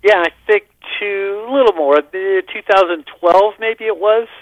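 Calling into a radio show, an older man shares baseball memories with rambling enthusiasm in a casual chat. His voice sits high and moves at a moderate pace, with no echo, though the phone line sounds dull and lo-fi.

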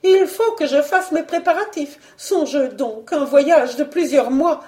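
A woman reading a storybook voices a hysterical, demanding rich baroness in a raised, shrill tone. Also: measured pace, warm tone. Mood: agitated.

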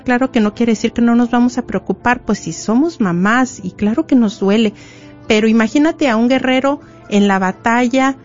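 A woman's voice: a little high, a little mellow. Emphatic woman preacher, muffled recording. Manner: emphatic, addresses listeners directly. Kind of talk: sermon. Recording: muffled lo-fi recording with faint music.

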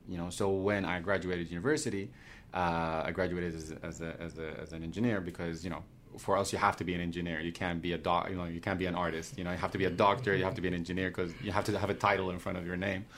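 Male guest from Sudan, very low voice, halting and repetitive, faint background noise. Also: flat delivery, fairly bright tone. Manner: repeats words while thinking, many "you know"s. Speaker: guest cartoonist. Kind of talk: conversational interview answers.

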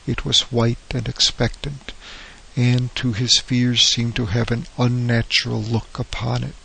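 Male audiobook narrator for horror, steady reading, husky tone. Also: mid-range voice, measured pace, low-quality recording.

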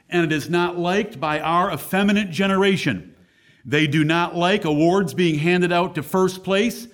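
Blunt preacher at a pulpit microphone. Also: male voice, high-pitched. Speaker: pastor. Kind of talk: sermon.

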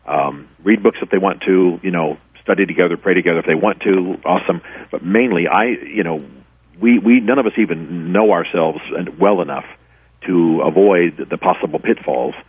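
Deep husky man on a tinny phone line. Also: moderate pace. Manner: earnest, rambling, with many restarts. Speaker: author and former pastor, guest. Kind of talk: radio interview storytelling.

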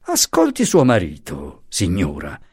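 A man's voice: low-pitched, huge pitch swings, measured pace, vocal fry, darkish tone, slightly rough, pitched below the performer's own voice, heavily acted. A man voicing a young, elegant, sneering male police official in an audiobook, curt and harsh and barking out orders. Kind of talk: audiobook character voice.

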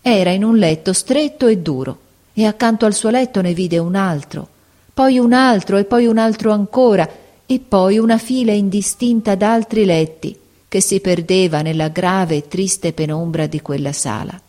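A woman narrating a novel aloud in a measured, expressive reading. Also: mid-range voice. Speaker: audiobook narrator. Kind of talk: scripted narration.

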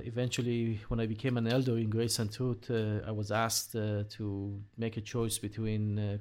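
A man's voice: fairly low pitch, a little mellow. Earnest middle-aged Israeli man. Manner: earnest, many "uh" pauses. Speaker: interview guest. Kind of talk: conversational interview.

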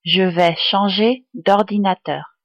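Woman tutor, phrase-by-phrase lesson reading, extremely slow, dry close sound. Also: medium pitch, steady tone, no echo, highs cut off. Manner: clear, careful, deliberate enunciation. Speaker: language tutor.

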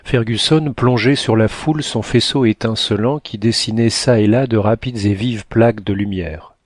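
A man narrating an adventure novel as a scripted audiobook, reading in a steady, measured way. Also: fairly low pitch, dry recording.

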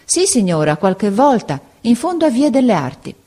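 A woman voicing a young errand boy in a storybook reading, quick and obliging. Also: a little high, very animated, mellow, pitched above the performer's own voice. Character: helpful shop errand boy.

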